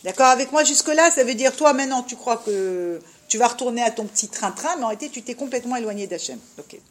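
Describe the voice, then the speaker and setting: A woman's voice: fairly high pitch, animated, quick pace. A woman teaching a religious class to a group of women. She talks animatedly and addresses her listeners directly with rhetorical questions. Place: unheated room with a group of women.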